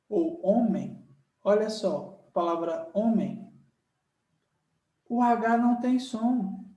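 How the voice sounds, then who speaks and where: A man with a Brazilian Portuguese accent teaches letter sounds in a slow, high voice, drawing each one out and asking "right?" along the way. The recording is echoey and roomy, with the voice sitting a bit back from the microphone. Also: recorded from a distance. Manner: repetitive, emphatic teaching, checking in with "certo?" and "tá?"; sounds out letters slowly and loudly. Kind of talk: recorded online lesson. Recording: roomy echo, voice a bit off-mic.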